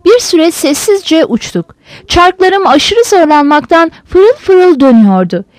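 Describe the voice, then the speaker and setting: A woman reading a novel aloud as a narrator with expressive storytelling. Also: very high-pitched, measured pace, no room sound. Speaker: audiobook narrator. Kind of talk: scripted narration.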